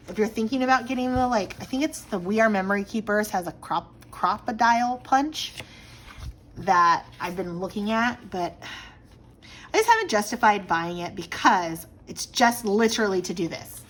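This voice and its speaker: Chatting casually to the camera while she plans at home, a thirty-something planner vlogger rambles with lots of fillers and a slight frog in her throat. Her voice is medium-pitched and fairly bright, with slight background noise.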